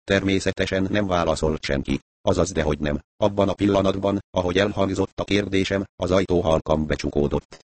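A man reading a first-person mystery story aloud, in measured storytelling narration. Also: sits low, darkish tone, dry recording. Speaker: audiobook narrator.

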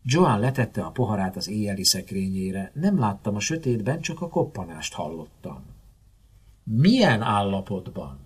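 Expressive male narrator for a first-person mystery audiobook; husky voice, animated and theatrical delivery. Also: on the low side, hardly any pauses. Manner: expressive, dramatic storytelling.

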